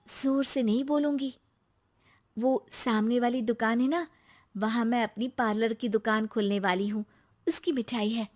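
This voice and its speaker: A woman voicing an earnest, trusting young wife in an animated story, quick to protest. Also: fairly high pitch.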